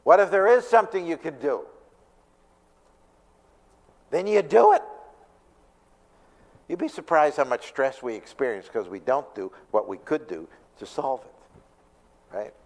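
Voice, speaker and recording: A man with a fairly high voice leads a church seminar as pastor, chatty and full of questions for the room. His voice rings through a church sanctuary with a long tail of reverb. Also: lively intonation, a little slow, pauses often, darkish tone. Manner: conversational, asks the audience questions. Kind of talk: church seminar talk on stress.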